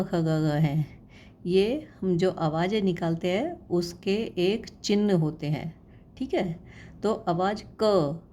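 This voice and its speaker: Slow, mellow-voiced woman teaching. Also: medium pitch, slight background noise. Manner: patient, repeats sounds slowly and asks the viewer questions. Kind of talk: explanatory lesson.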